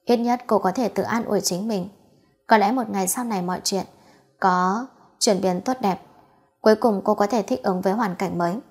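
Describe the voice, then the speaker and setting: A woman reading a romance novel aloud as audiobook narration, in a steady, even manner. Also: mid-range voice, moderate pace, breathy edge, soft background music.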